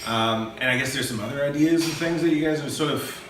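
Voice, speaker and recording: A man's voice: on the high side, quick pace. A man hosting a casual interview, asking loose, searching questions. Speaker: interview host. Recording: echoey room from far off, music behind.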